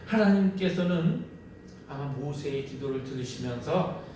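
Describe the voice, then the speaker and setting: A male pastor delivers a sermon in a chatty, storytelling way and often puts questions to his congregation. His voice sits slightly high for a man. It is picked up from far off in a strongly reverberant church with faint room noise behind. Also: animated, a little slow. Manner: conversational, storytelling preaching with rhetorical questions. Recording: echoey hall, distant mic, faint room noise.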